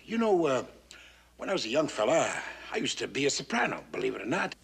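A hearty chuckling navy skipper. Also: male voice, mid-range voice, sing-song, fast talker, creaky, fairly bright tone, a little hiss or hum. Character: jovial brawny male PT boat skipper. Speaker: navy commander. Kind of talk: 1960s sitcom acting.

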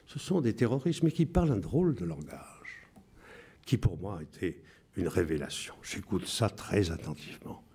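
A man in his seventies from France talks in a reflective interview, his voice on the low side. His speech is deliberate and full of pauses, while his pitch rises and falls in lively swings. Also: slightly rough. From France (Bordeaux). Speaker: writer, interview guest.

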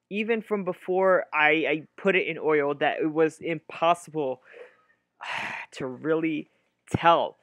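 A man's voice: on the high side, fairly bright tone, no echo, clean studio sound. A young man explaining his finds in an earnest recap voice-over recorded at home. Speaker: metal detecting vlogger. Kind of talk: voice-over narration. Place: home room.

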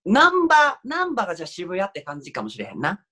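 Guy playing a kansai dude on a zoom sketch, chill, nods along a lot, kinda highish voice. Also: wildly swooping pitch, fast talker, bright, forceful tone, exaggerated voice. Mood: easygoing. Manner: easygoing dialect chat, nodding along. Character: young man from Kansai meeting a Chiba guy. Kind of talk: remote sketch comedy. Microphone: video call.

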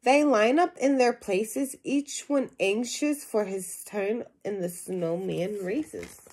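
Reading a children's picture book at home in a small room, a young woman pauses for simple questions and asides aimed at little listeners. She speaks slowly in a mid-range voice that is a little mellow and husky.

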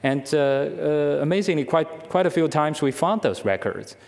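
Male speaker, halting conference Q&A answer, podium mic, long hall reverb. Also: a little high, expressive, creaky, a little mellow. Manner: halting, many restarts and fillers. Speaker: keynote speaker answering questions. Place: large lecture hall. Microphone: podium microphone, far camera.

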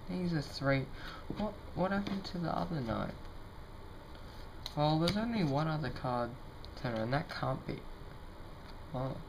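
A young man casually presenting to camera as an amateur magician, informal, tentative and self-deprecating, at a table indoors. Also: mid-range voice. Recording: noisy home recording, card shuffling sounds.

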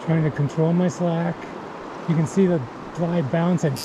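Calm man narrating beside a rushing river. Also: a little high. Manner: calm, explanatory, talking to himself between casts. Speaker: fly fishing angler. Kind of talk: casual narration while fishing. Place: outdoors on a river bank. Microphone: head-mounted action camera. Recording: outdoor camera audio with loud river noise. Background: rushing stream water.

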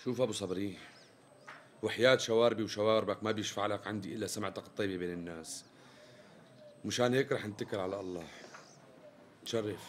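A man's voice: fairly low pitch, fairly even intonation, quick pace, long pauses, a little hiss or hum, natural voice. A man playing an impatient, short-tempered customer who keeps demanding a price, speaking with a Syrian accent in a TV sketch comedy. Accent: Syrian Arabic. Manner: blunt, increasingly irritated demands. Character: impatient exasperated male customer, quick to anger.

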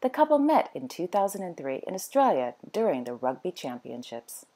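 A woman's voice: fairly low pitch, sing-song, normal speed, warm tone. A woman hosting a daily royal news roundup, reading scripted items with chatty asides.

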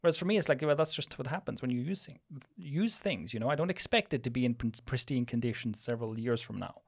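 A man's voice: medium pitch, expressive, fast talker, vocal fry, slightly rough. A man in his thirties from Switzerland, co-hosting a casual podcast and thinking aloud with restarts into a studio mic. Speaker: podcast co-host. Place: small studio room with plant wall. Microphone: studio mic on boom arm, headphones.

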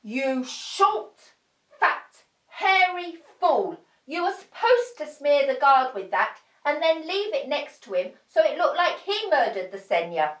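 Actress as a high, lively, scolding Lady Macbeth in a roomy space, sarcastic and bossy. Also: slow pace, full character voice. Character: scheming bossy Lady Macbeth, sharp-tongued wife. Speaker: actor in a comedy film. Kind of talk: comic stage acting.

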